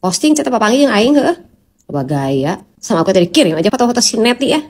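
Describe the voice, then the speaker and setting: Fast-talking Sundanese woman ranting. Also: a little high. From West Java, Indonesia. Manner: animated, mixes in Sundanese slang and curses. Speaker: social media personality. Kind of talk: casual vlog rant.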